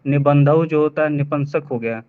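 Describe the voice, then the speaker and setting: A man student reciting answers in an online class, halting and hesitant, often repeating words. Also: fairly high pitch, clear, resonant tone. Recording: tinny phone-like call audio.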